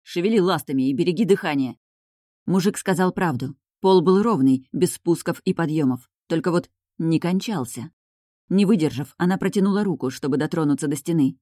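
A woman reading an audiobook in a calm, measured narrating voice. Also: lowish voice, dry recording, clean studio sound. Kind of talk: scripted narration.

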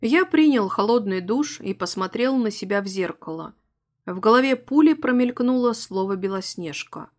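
A woman narrating a story aloud, reading a first-person novel in a calm, even storytelling voice. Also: mid-range voice, normal speed.

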